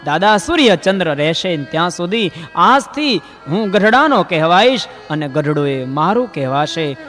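A man delivers a devotional story sermon, his voice high for a man. He talks in a sing-song, emotive way that swells into impassioned peaks. Devotional music plays clearly beneath him. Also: big pitch swings, moderate pace, fairly bright tone. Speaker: preacher.

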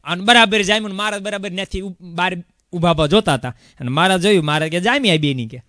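A sadhu preacher with a high voice delivers a fast-paced sermon, telling a story and animatedly acting out its characters' dialogue. The studio-quality recording has no echo.

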